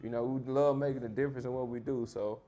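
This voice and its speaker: A man's voice: medium pitch, fairly even intonation, fast, warm tone. A man with a Memphis accent, a podcast guest talking casually and often saying "man" and "bro". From Memphis, Tennessee. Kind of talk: casual chat.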